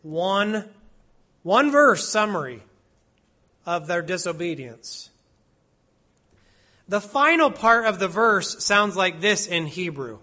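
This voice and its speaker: A man preaching an expository sermon, slow and deliberate, stressing each word as he reads out Hebrew and Latin phrases. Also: high voice, very animated, sharp tone.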